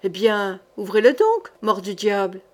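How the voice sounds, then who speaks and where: A gruff blustering captain, as a woman reader puts him on. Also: medium pitch, sing-song, a little slow. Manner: grumbling, swearing. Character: gruff blustering middle-aged male captain. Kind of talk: audiobook character reading.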